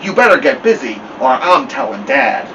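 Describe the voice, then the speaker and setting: A man reading aloud, voicing a young boy who shouts at his siblings and family. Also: mid-range voice, very animated, normal speed, far from the mic, lo-fi sound, background noise, lightly acted. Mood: defiant. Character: bold boy, younger brother.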